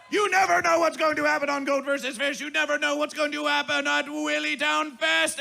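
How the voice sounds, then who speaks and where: Hyping a festival as emcee, a man bellows grand, repetitive announcements in a theatrical, barker-style chant. His voice is very high-pitched, creaky, bright, and forceful.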